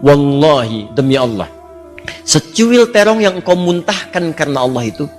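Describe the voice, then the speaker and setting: Animated preacher telling a story. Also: male voice, normal speed, soft background music. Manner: lively, jumps to high voices for characters, asks the audience questions. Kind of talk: storytelling sermon.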